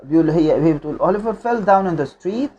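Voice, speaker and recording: A teacher with an Egyptian accent reads an English storybook aloud slowly and explains it quickly, with many hesitations. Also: medium pitch, lively intonation, dark tone, dull audio. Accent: Egyptian Arabic. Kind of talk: reading a storybook aloud and translating.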